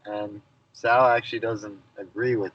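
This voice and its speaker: A man's voice: fairly low pitch, little pitch movement, unhurried, fairly bright tone, no echo, lo-fi sound. A man co-hosting a podcast over a video call, chatting casually and teasing with a laugh. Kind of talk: casual chat.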